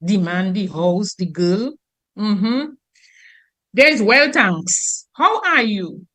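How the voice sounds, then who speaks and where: A woman from Dominica with a Dominican accent, a teacher giving an animated radio talk who acts out everyday sayings. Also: medium pitch, drawn-out words.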